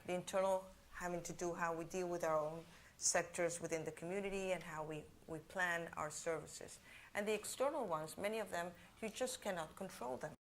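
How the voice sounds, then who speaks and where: A woman from Venezuela speaking as a conference panelist in a fairly low voice. She talks thoughtfully, pausing on fillers, and a faint noise sits under the recording. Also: steady tone.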